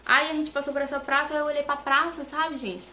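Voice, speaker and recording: A young Brazilian woman vlogging from home, chatting to her viewers with lively, rambling asides. Her voice sits a little high and carries the echo of a bare room. The faint hum of a fan runs behind her. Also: brisk. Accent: Brazilian Portuguese. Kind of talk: casual chat to camera.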